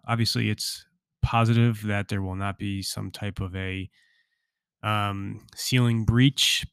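Man giving clipped market news, smooth low-ish voice. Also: no echo, studio quality. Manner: informal, off-the-cuff with hedging asides. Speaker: podcast host, market commentator. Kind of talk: morning financial market news briefing.

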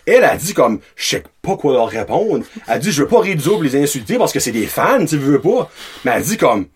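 Husky man telling animated stories. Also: a little high, a little fast. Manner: animated storyteller, slangy, mixes in English words. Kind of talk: casual podcast chat.

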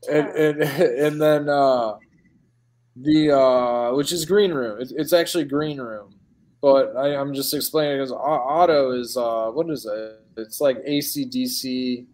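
A man's voice: medium pitch, unhurried, darkish tone. A man with a Midwestern American accent talks loosely in a casual podcast chat, trailing off and restarting as he goes. His voice sits in an ordinary middle register, and he keeps dropping dude and man into his sentences. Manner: rambling, filler-heavy, calls people dude and man.

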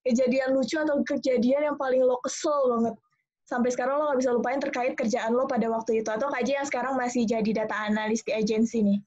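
A woman's voice: a little high, steady tone, quick pace, a little mellow. A young woman hosting a podcast, asking chatty, slangy questions. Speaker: podcast host. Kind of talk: casual podcast interview. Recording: dull lo-fi sound.

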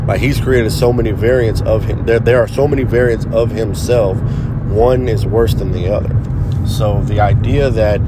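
A man with a fairly low voice hosts a casual solo podcast. He talks in a rambling, conversational way with a bit of showman's address. Loud urban, vehicle-like noise runs behind his voice. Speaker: podcast host. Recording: loud outdoor traffic-like background noise.

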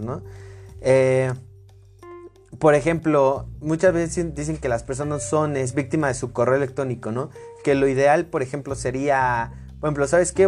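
A man's voice: on the high side, a little mellow. A man with a Mexican Spanish accent casually summarizing a productivity book, full of fillers and tag questions. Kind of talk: casual book review talk.

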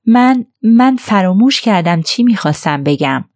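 A woman voicing an earnest, lively young woman who speaks in an eager, somewhat hesitant way. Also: medium pitch, no echo, clean studio sound, pitched above the performer's own voice, lightly acted.

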